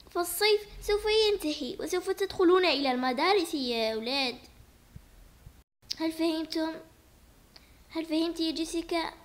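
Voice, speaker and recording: A woman voicing a weary widowed father in a doll play, speaking low, soft and pleading. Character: strict, weary widowed father, middle-aged man. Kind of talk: toy doll play voice acting.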